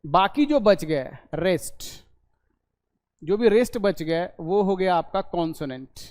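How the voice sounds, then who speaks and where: A man teaching a basic language class in a video lesson. He explains slowly, drawing out sounds and checking in after each point. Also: high-pitched, animated, a little mellow. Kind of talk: online class lecture. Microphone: recorded for a video lesson.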